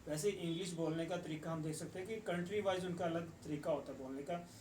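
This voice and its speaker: A man teaching English in a patient, explanatory way, slowing down for English phrases. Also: on the high side, a little mellow, a little hiss or hum. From Punjab. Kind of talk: explanatory lesson. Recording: echoey, distant room mic with faint ambience.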